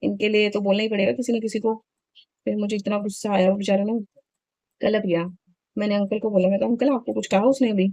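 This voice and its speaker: Mellow-voiced woman vlogging at home. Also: mid-range voice, level tone, brisk, dry recording, poor audio. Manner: chatty, indignant storytelling. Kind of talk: casual vlog chat.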